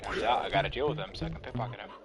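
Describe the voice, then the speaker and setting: A man's voice: on the low side, very fast, background noise. A man casually commenting to himself while playing a video game, swearing now and then. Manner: muttering to himself, swearing at times. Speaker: gameplay streamer. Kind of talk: casual let's play commentary. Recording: loud game music behind.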